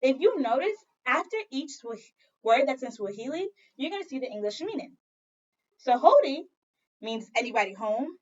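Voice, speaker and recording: During a read-aloud lesson, a high-voiced second grade teacher reads a storybook expressively, her intonation swinging widely. She speaks straight to the young children, pausing for prompting questions and repetition. The sound is slightly dull and lo-fi, like a home video.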